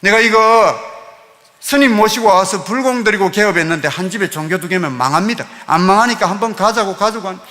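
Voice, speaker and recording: A man quoting a gruff Gyeongsang car mechanic. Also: sits high, animated, fairly quick, pushed and bright, big-room sound. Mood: dismissive. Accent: Gyeongsang Korean. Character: gruff short-tempered male auto shop owner.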